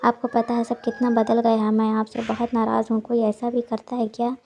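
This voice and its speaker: Woman doing scared young heroine, storybook, pleading, tearful, level pitch. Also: monotone, brisk, warm tone, a little hiss or hum, natural voice.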